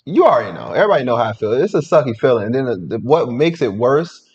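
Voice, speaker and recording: A man chatting casually as a podcast co-host, rambling and circling back with plenty of "like". His pitch is mid-range, and the recording is dull and muffled. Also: sing-song, quick pace, darkish tone, breathy edge. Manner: rambling, full of "like" and restarts. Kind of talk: casual chat commentary.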